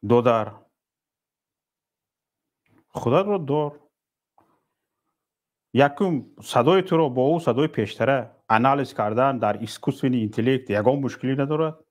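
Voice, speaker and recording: A man's voice: mid-range voice, long pauses. A man hosting a call-in talk show who speaks sternly and rebukes his critics.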